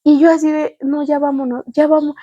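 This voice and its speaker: Young Mexican woman, high voice, lively anecdotal co-host who acts out dialogue. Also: a little fast, dull audio. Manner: animated storyteller, acts out quoted dialogue in a high voice, laughs often. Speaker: podcast co-host. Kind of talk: casual chat.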